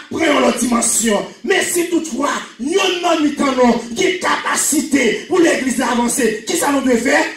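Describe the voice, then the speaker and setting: A middle-aged man with a Haitian Creole accent, preaching a sermon into a handheld microphone in a small church hall, often shouting and repeating phrases for emphasis. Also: extremely high pitch. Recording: echoey church room, camera from a distance.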